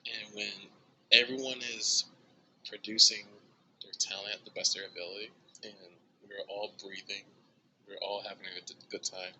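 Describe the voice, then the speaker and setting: A young man from the United States talks about his music in a relaxed, chatty way. His voice is very bright, and light noise sits behind him. When he quotes himself his pitch leaps up into excited, squealing outbursts. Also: moderate pace, gravelly, rough recording. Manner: animated, bursts into high excited exclamations when quoting himself. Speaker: drummer, interview guest. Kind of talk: casual storytelling interview.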